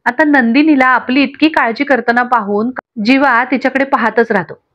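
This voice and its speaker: A woman retelling a TV serial episode in a lively, expressive way. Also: sits high, moderate pace, highs cut off. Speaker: storyteller.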